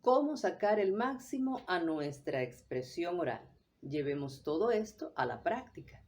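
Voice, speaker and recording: A woman teaching a voice workshop in a measured, deliberate way, now and then acting out short examples. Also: lowish voice, big pitch swings, a little mellow. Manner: measured, deliberate delivery with brief acted examples. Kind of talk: scripted instructional talk.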